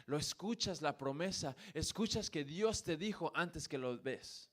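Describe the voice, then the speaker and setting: A male preacher delivers a sermon from a church, his voice sitting somewhat high for a man. He builds to emphatic, passionate peaks and then drops to quiet, repeated refrains. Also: expressive, measured pace. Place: church sanctuary.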